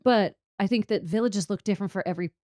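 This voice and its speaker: A woman's voice: medium pitch, fast, darkish tone, dry recording, clean studio sound. A woman co-hosting a casual podcast, rambling and laughing often as she chats with her co-host. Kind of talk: casual chat.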